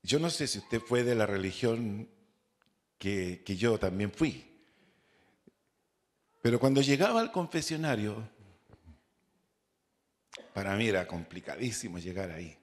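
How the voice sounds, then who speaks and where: Slow, deliberate Chilean pastor. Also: male voice, fairly low pitch, expressive. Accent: Chilean Spanish. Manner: slow, drawn-out preaching with rhetorical questions and repetition. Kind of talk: sermon, Bible study.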